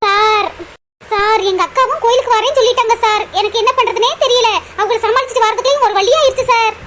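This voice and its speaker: A timid young village woman in a cartoon, with a squeaky, very high voice and a Kanyakumari Tamil accent. She pleads anxiously and keeps deferring to the man she loves. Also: fairly even intonation, fast, a bit bright, slight background noise. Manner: pleading, keeps saying sir. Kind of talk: cartoon voice acting.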